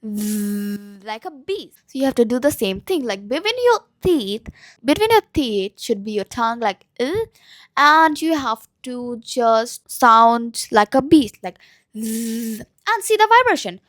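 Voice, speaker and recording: A young woman giving an informal pronunciation lesson, repeating example words slowly and often checking that the listener follows. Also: fairly high pitch, very animated. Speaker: English pronunciation teacher.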